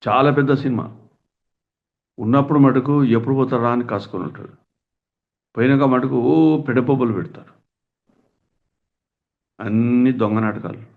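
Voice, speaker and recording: A middle-aged man giving a spiritual discourse, earnest, with lots of rhetorical questions and folksy asides. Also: mid-range voice. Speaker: spiritual teacher. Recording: tinny phone-like sound.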